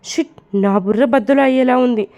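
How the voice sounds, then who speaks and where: A hot-tempered young male boss who broods and gives orders, as a woman narrator voices him. The voice stays slightly high and mellow, read out like a storybook. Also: fast. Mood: brooding.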